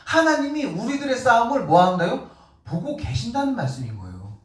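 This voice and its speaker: A man preaching a sermon as pastor, talking in a casual, animated way and acting out quotes with short laughs. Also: very high-pitched, fairly quick. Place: church sanctuary. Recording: echoey room, voice from far off mic.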